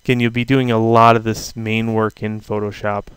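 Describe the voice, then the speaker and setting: A man teaching a software tutorial over a screen recording, talking casually and thinking aloud with fillers. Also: on the low side, flat delivery, moderate pace, clear, resonant tone, dry recording. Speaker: instructor.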